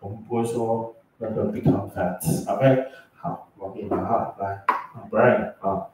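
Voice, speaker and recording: A man's voice: on the low side, steady tone, a little slow, background noise. A male teacher gives a classroom lecture, joking and teasing his students as he drops English words into his explanations. He is picked up from well across the room, and the space rings with strong echo. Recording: echoey classroom from far off.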